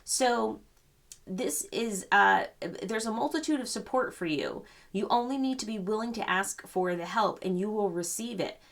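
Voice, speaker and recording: An older woman giving a gentle, rambling spiritual card reading, full of fillers and reassurance. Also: mid-range voice, lively intonation, moderate pace, vocal fry. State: choked up. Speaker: psychic reader.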